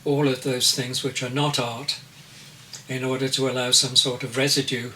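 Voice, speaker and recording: A man in his eighties, an artist answering interview questions in a slow, deliberate way as he searches for his words. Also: mid-range voice, flat delivery, bright, forceful tone. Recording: distant mic with faint noise.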